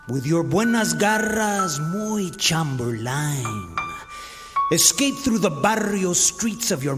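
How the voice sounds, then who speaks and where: An actor playing a mocking, poetic zoot-suited street philosopher with a drawling, theatrical delivery. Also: male voice, a little high. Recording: reverberant hall, music behind.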